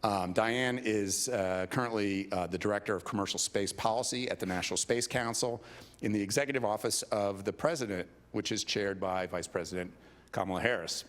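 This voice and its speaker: A deep-voiced man introduces the next speaker at a conference. He talks loosely, stumbling through fillers and restarts. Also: fairly bright tone. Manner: halting, many fillers. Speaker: conference moderator. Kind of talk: casual introduction speech.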